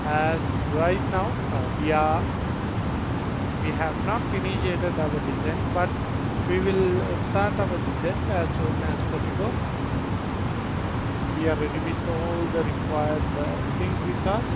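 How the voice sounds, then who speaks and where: A man giving a casual, halting explanation while aboard an airliner. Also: fairly even intonation. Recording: dull, distant audio under loud aircraft rumble.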